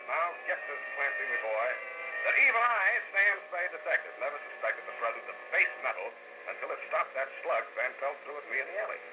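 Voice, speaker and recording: A man's voice: mid-range voice, muffled recording. An actor playing a wisecracking hard-boiled male private detective in 1940s radio acting style, with dry, wry narration, heard on an old wire recording.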